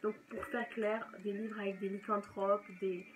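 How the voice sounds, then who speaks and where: A woman's voice: medium pitch, little pitch movement, a little slow, noisy background. A young woman chatting casually and enthusiastically as a book vlogger, often correcting herself mid-sentence. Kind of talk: casual chat.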